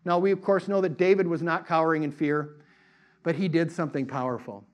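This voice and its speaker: A middle-aged male pastor preaching a sermon in a lively, conversational way, mixing casual asides with fervent declarations. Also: fairly high pitch, brisk, lo-fi sound. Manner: animated preaching, acts out voices in quotes.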